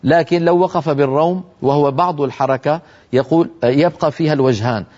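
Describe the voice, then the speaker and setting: A man leads a televised lesson on Quran recitation. His voice sits a little high and he explains each rule calmly. He stops to chant the examples slowly, and the broadcast audio is dull and lo-fi. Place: television studio.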